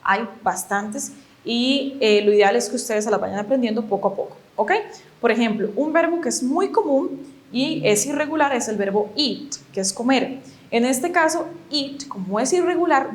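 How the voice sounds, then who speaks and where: A fairly high-voiced woman, a native Spanish speaker, leads a video lesson on English grammar. She moves through the rules patiently, one step at a time, and keeps checking that her students follow. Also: animated, moderate pace. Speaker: English teacher.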